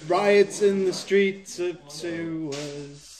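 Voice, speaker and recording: A man's voice: high voice, drawn-out words, a crowd in the background. A man from England, playing a tabletop wrestling game in playful, jokey chat. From northeast England. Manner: playful, jokey, makes silly sound effects.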